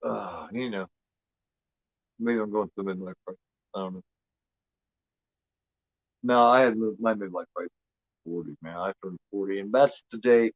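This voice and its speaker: A man in his fifties hosts a casual watch-along, his voice on the low side in a muffled recording with no room sound. He rambles and repeats himself, filling gaps with fillers and the occasional curse.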